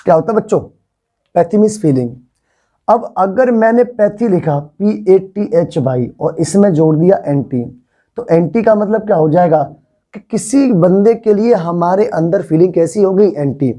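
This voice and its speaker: Mellow-voiced teacher drilling vocabulary. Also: male voice, sits high, expressive, a little slow. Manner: coaxing, repeats words for students to copy. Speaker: English teacher. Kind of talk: classroom vocabulary lesson.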